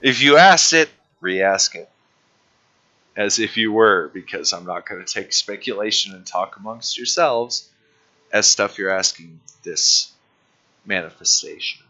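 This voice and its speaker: A man's voice: lowish voice, expressive, a little slow, sharp tone. A man running a tabletop game as game master, teasing his players, laughing often and insisting they word their questions exactly. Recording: dull lo-fi stream audio with faint music.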